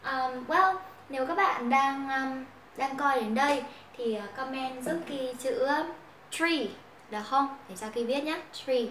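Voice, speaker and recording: A woman's voice: high-pitched, a little slow, a bit bright, roomy sound, slight background noise. Vietnamese-speaking young woman teaching English songs. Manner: chatty, explains pronunciation, sings lines to guitar. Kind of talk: casual song-based English lesson with singing.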